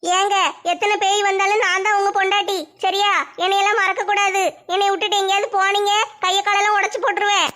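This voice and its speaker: Woman, comedy skit, complaining chatter, bright high voice. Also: little pitch movement, fast talker. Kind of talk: comic home skit acting.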